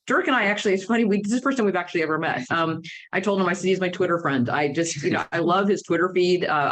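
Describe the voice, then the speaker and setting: A woman's voice: deep voice, rough recording. An American woman moderating a conference panel, chatty and informal, with many fillers and restarts. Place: conference room with audience.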